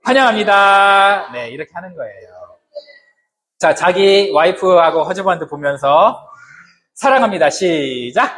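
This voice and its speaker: Conversational Korean pastor preaching. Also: male voice, a little high, animated, a little slow, fairly bright tone, husky. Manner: conversational, asks the congregation questions; humorous asides. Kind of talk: sermon.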